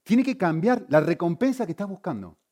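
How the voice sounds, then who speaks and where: Man, pastor, sermon, fairly high voice, lively pitch swings. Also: a little fast. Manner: animated preaching, swings between loud emphasis and quiet intensity.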